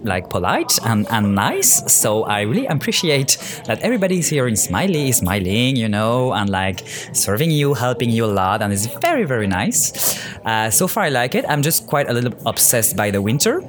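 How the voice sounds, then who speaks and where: A man's voice: mid-range voice, big pitch swings, normal speed. A man from France with a French accent, answering interview questions hesitantly with many restarts. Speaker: guest, student. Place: outdoors in a city neighborhood. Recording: music playing clearly behind. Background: clear music.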